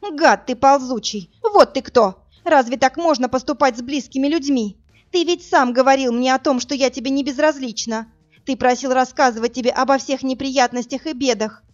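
A woman's voice: sits high, moderate pace, pitched above the performer's own voice, lightly acted. A woman voicing a desperate young woman on the phone, tearful and pleading, then screaming in anger, in a slightly muffled recording. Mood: furious.

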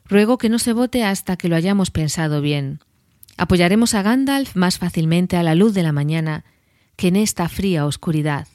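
A woman's voice: on the low side, normal speed, darkish tone, no room sound, studio quality, lightly acted. A woman voicing Frodo, a thoughtful and hesitant male hobbit.

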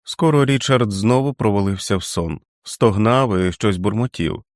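A man narrating an audiobook in a measured, dramatic reading. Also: lowish voice, no room sound, studio quality.

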